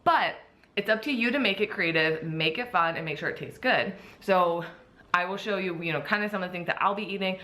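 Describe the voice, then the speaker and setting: An enthusiastic woman vlogger with a bright, forward voice that sits a little low. She chats casually and eagerly, and her words carry a slight lisp from the clear aligners on her teeth. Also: fairly quick. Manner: upbeat, enthusiastic, chatty. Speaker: vlogger, bikini competitor. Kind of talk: casual vlog talk.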